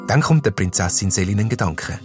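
A man with a Swiss accent narrating a children's story in an animated storyteller manner. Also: lowish voice, a little fast, faint music behind.

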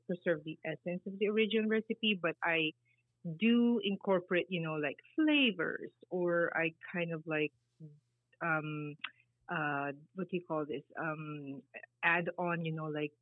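A woman's voice: on the low side, dry recording. Woman, tinny phone-line sound. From Philippines. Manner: rambling, many fillers, laughs easily. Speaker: guest, baker and business founder. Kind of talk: casual interview answers.

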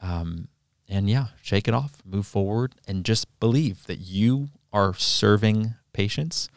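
Deep-voiced encouraging male podcast host. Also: slow pace, no room sound, studio quality. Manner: earnest, encouraging, thinks aloud with restarts. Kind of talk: casual podcast conversation.

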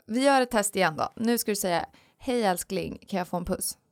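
A woman co-hosting a podcast in casual chat, lively and rambling with many fillers, on a studio mic. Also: mid-range voice. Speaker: podcast co-host.

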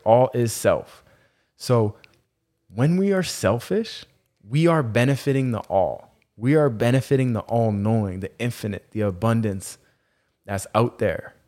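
A man's voice: medium pitch, darkish tone. A man hosting a podcast in an earnest motivational spiritual monologue, using Rasta-style turns of phrase and repeating key phrases for emphasis. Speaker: podcast host.

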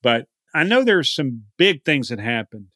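A man with a Texan accent hosting a podcast, chatting casually and circling back with frequent restarts. His pitch sits mid-range. The recording is dry and close. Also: very animated, measured pace, sharp tone, no echo. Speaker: podcast host. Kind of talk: casual interview chat.

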